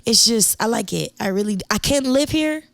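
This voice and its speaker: A young woman from Akron chats in a relaxed, slang-heavy, rambling way, with a fairly high voice. The sound is dry and close, with no room in it. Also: normal speed, gravelly, dry recording. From Akron, Ohio. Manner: laid-back, slangy, rambling. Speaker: musician guest. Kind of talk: casual interview chat.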